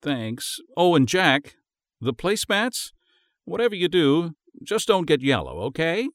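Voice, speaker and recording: A male narrator voicing a busy, distracted working wife, talking fast and apologetically. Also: fairly high pitch, very animated, no echo, studio quality, pitched above the performer's own voice. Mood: guilty. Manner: hurried, apologetic, breezy.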